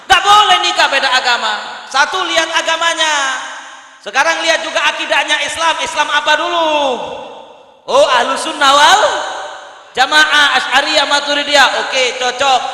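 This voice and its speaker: A male preacher, delivering a fiery sermon that swings from shouts down to quiet storytelling. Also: very high voice, moderate pace, reverberant, in a large hall. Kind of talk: religious sermon.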